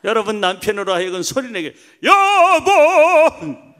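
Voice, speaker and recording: A man preaching a Sunday sermon as pastor, emphatic, swinging between loud calls and soft asides. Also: on the high side, expressive, normal speed. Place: church sanctuary.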